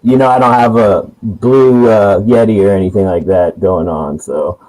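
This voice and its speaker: A man's voice: fairly low pitch, moderate pace, darkish tone. A man joining a podcast chat remotely, his voice echoing as if he were in a cave. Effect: echoey, cave-like sound on a video call. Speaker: remote guest. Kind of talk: casual chat. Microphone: cheap camera mic on a video call.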